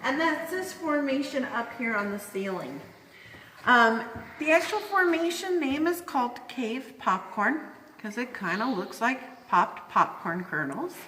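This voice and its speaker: A woman's voice: a little high, expressive, unhurried, sharp tone, far from the mic. A woman working as a cave tour guide, explaining things informally to a group of visitors inside a large cave. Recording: very echoey cave, long reverb, background noise.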